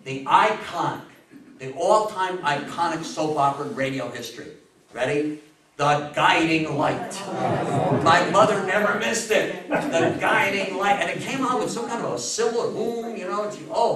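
An American lecturer in his sixties from New York State gives an interactive history talk to a small audience, acting as an animated, theatrical storyteller who poses rhetorical questions. His voice sits a little high. A distant camera microphone picks him up in an echoey meeting room, with a little hiss or hum.

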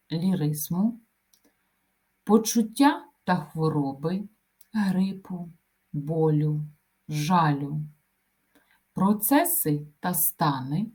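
Slow, low-voiced woman teaching grammar. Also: dark tone. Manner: slow, deliberate dictation-like delivery. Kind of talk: grammar lesson, reading example word lists.

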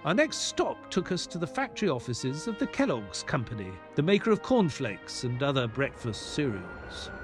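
An actor playing Doctor Watson, a gentleman sidekick who narrates an audio drama in a measured storytelling manner. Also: medium pitch, big pitch swings, natural voice. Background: music.

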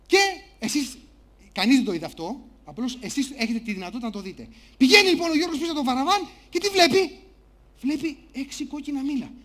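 A male speaker on a conference stage, telling a story in an animated, theatrical way. His voice sits on the high side for a man, and he switches between a low, hushed tone and bursts of volume as he acts out scenes. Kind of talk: live storytelling talk.

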